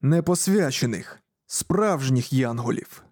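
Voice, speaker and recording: A man voicing a grim, calm male space warrior leader who speaks coldly. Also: mid-range voice, slow pace, dry recording, clean studio sound.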